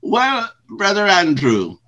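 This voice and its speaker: An older man from Guyana, a retired pastor, answering interview questions in slow, measured, formal phrasing. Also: high voice, wildly swooping pitch, sharp tone, dull audio.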